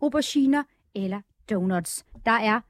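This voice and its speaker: A woman's voice: a little high, expressive, dry recording. Upbeat woman podcast co-host. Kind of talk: reading an erotic story aloud, then casual chat. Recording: background music bed.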